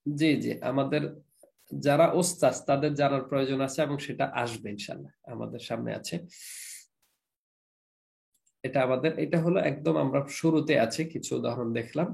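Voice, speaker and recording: A man with a Bangladeshi Bengali accent giving a classroom grammar lecture, slowly repeating examples and drilling word forms. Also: mid-range voice, vocal fry, a little mellow. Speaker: Arabic grammar teacher.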